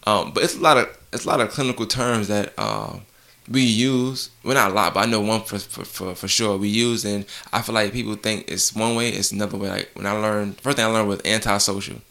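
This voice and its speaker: A young man hosts a relaxed interview, talking quickly with a bright, forceful edge. His voice sits on the lower side, and he chats easily as he asks his questions. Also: vocal fry. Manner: quick, animated, conversational. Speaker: interview host. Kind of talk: casual interview conversation.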